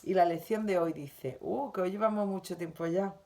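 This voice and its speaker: Una mujer con acento de España que lee y comenta una lección espiritual diaria, con tono suave, sentido y reflexivo. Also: female voice, on the low side, moderate pace, mellow. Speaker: spiritual teacher. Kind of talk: reading and commenting on a daily spiritual lesson.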